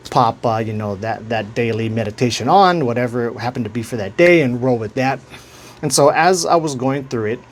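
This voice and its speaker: A man with a Hawaiian accent talks casually to his viewers as the host of his own channel. His voice sits at an ordinary middle pitch. He rambles and restarts as he searches for the right words. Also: a little hiss or hum. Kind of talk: casual vlog talk.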